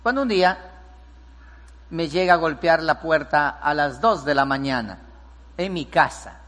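Male pastor, slightly high voice, sermon delivery with big swings in loudness. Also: a little slow, long reverb tail. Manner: preaching, swings from hushed storytelling to loud emphatic peaks. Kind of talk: sermon with storytelling.

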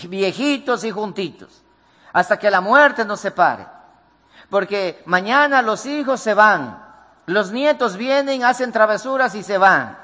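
A man's voice: sits high, lively intonation, unhurried, bright, forceful tone, in a large hall. A man preaching a sermon with emphatic delivery and repeated rhetorical questions to the congregation.

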